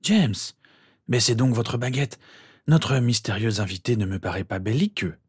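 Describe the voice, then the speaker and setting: A man doing a calm old headmaster. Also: medium pitch, slightly rough, pitched above the performer's own voice. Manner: measured, polite, soothing.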